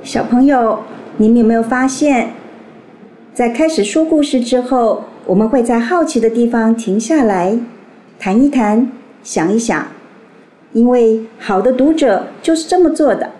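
A woman teacher gently explaining reading methods to young children. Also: fairly high pitch, expressive, measured pace, low-quality recording.

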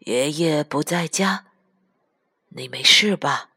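A woman putting on a contented old grandpa, deep-set low voice, very slow drawn-out murmur, storybook reading. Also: bright, forceful tone, husky, dry recording, studio quality, exaggerated voice. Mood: tender.

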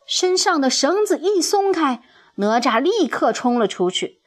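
A woman narrating a children's story in an expressive, animated way. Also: high-pitched, measured pace. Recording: soft music behind.

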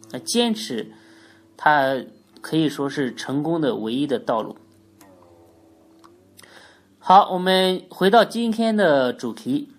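Low, stuffy-nosed woman teaching. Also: slightly rough. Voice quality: stuffy nose, congested nasal sound. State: has a cold. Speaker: teacher of Chinese astrology, hosting an audio programme. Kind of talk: spoken lesson, explanatory monologue.

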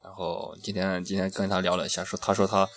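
Low-voiced man, casual radio host. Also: completely flat delivery, fast talker. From Shaanxi, China. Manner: irreverent, crude slang. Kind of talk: casual chat. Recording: music behind the voice. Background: background music.

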